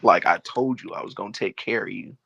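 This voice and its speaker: A man's voice: lowish voice, a little fast, gravelly, husky, lo-fi sound. A man telling a sports bet story with slang and laughter in casual chat. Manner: animated storytelling, slangy, laughs while talking. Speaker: podcast host.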